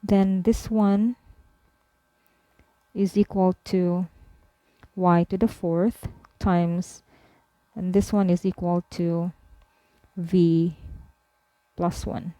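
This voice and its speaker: A woman math tutor slowly talking through a worked problem step by step, with frequent fillers. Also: on the low side, fairly even intonation, mellow, dry recording. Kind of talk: screen-recorded math lesson.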